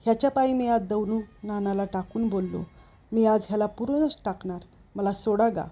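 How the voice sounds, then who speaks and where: A woman's voice: mid-range voice, moderate pace, dark tone, muffled recording, lightly acted. A woman voicing a hot-headed, blustering village father in a storybook reading, with rustic, agitated speech. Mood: distraught.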